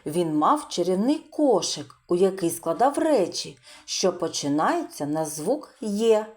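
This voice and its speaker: Slow, lively-voiced woman teaching small children. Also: on the low side. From Ukraine. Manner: slow, sing-song teacher voice, drawing out sounds and praising. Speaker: preschool teacher. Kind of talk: children's literacy lesson.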